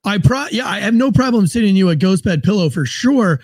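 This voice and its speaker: A man's voice: high voice, lively intonation, brisk, no room sound. A man in his forties hosting a podcast, rambling and joking irreverently in casual chat. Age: 40s. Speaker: podcast host.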